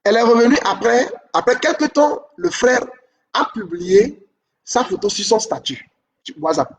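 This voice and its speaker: Coach, male, high voice, teaching style, keeps asking "ok?", a little off-mic. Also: very animated, moderate pace, distant mic. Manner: repeats key points, asks "ok?" often. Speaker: relationship coach. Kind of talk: teaching talk.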